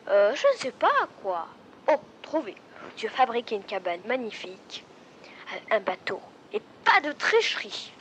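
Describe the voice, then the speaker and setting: Woman voicing a fussy young female squirrel, storybook, high, demanding. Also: sing-song, a little slow, a bit bright, slight background noise.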